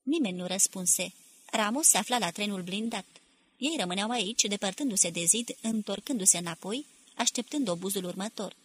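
A woman narrating a novel in a steady, measured audiobook reading. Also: medium pitch, husky. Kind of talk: scripted literary narration.

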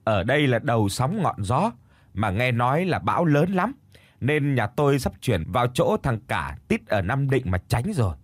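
A man voicing a bustling old village woman who shouts urgently to a half-deaf neighbor. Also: medium pitch, expressive, no room sound, close to an everyday voice. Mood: urgent, shouting. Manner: shouting slowly into a deaf ear. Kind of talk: storytelling.

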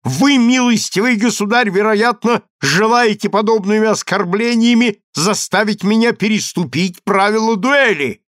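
Shrill blustering young duelist, high and loud , read by a man. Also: sing-song, unhurried, no room sound, studio quality, heavily acted. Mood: agitated. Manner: shrill, agitated shouting.

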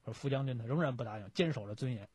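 A man, a radio host retelling a story in a lively way with many fillers. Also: medium pitch, racing, husky, dry recording. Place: radio studio.

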